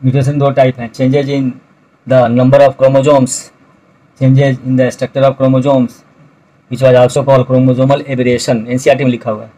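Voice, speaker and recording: Male biology teacher, middle-aged, flat monotone delivery, repeats terms for students. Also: mid-range voice, slow pace, rough recording. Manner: explains step by step, repeats key terms, addresses students directly. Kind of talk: recorded video lecture explaining notes.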